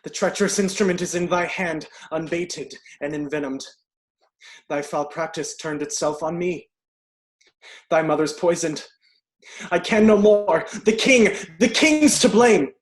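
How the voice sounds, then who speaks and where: A man's voice: on the high side, steady tone, normal speed, close to an everyday voice. An actor playing a dying, remorseful young noble swordsman in a solemn Shakespearean style. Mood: dying, accusing. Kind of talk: Shakespearean stage acting.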